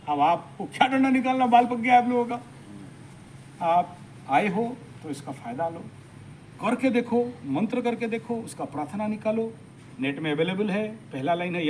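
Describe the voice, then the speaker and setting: A man with a high, bright voice lectures a workshop audience on astrology. He talks with emphatic, lively energy and slips English phrases in among his points. A faint background hiss sits under the recording. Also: poor audio. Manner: animated, emphatic, mixes English phrases into speech. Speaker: astrology teacher.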